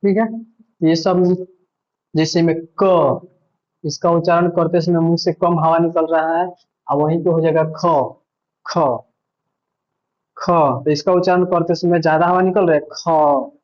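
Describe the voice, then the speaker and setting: A man's voice: on the high side, little pitch movement, moderate pace, darkish tone, lo-fi sound. A male teacher giving an online grammar lesson, patiently repeating points and asking himself questions.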